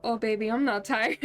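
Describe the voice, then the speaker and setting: A woman streaming a game, reading its text aloud and breaking into bubbly, giggly, playful asides. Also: mid-range voice.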